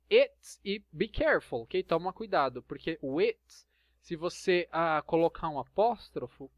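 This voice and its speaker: Brazilian teacher with a slightly high voice. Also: male voice, dry recording. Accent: Brazilian Portuguese. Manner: patient, checks understanding with frequent "tá?" and "ok?". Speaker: English teacher. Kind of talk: explaining English grammar in Portuguese. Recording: dull lo-fi sound, dry.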